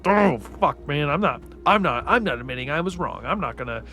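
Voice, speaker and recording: A man's voice: a little high, expressive, brisk, bright, forceful tone. A stubborn, lovesick young blacksmith, put on by a man recapping a book. He blusters and swears to defend himself, in a slightly raised everyday voice. Faint music plays behind him. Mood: defensive.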